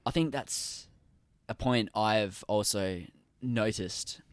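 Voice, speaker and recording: An Australian podcast host asks long, enthusiastic, rambling questions in a casual interview. He speaks slowly in a lowish voice, with no echo.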